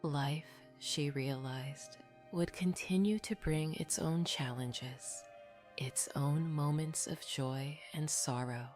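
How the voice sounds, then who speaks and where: A woman reading scripted sleep stories in a soft, breathy, half-whispered voice, soothing and gently guiding the listener toward rest. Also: deep voice. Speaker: sleep story narrator. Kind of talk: scripted bedtime sleep story narration. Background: background music.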